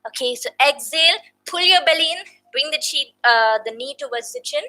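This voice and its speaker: Woman, yoga teacher, high-pitched, clear bright tone, counts reps, slightly out of breath. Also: expressive, a little fast, rough recording. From India. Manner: counts reps, checks in with frequent "okay?". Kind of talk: guided yoga class instruction.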